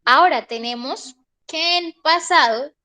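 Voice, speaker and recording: Woman, English teacher, online class, high voice, slow pace, patient. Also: sharp tone. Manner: patient, checks in with "¿listo?" often.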